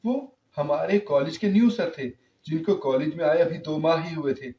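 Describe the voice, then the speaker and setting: A man's voice: fairly high pitch, mellow, far from the mic. A man narrating an emotional first-person story in an earnest, heartfelt way. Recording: roomy, slightly dull recording.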